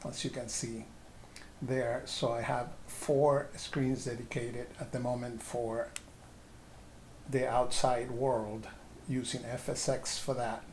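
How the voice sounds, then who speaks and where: Relaxed, hesitant man's home vlog. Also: medium pitch, slow pace, a little hiss or hum, rough recording. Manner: relaxed, hesitant, many "uh"s and restarts. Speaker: flight sim hobbyist vlogger. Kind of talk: casual explanatory vlog. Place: home room full of sim monitors.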